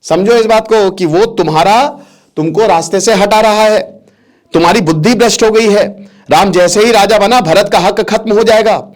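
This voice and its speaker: A man's voice: high voice, moderate pace, natural voice. A man voicing a scheming old female maidservant who scolds a queen in urgent, insistent words. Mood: scolding, urgent. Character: scheming old female maid stirring trouble.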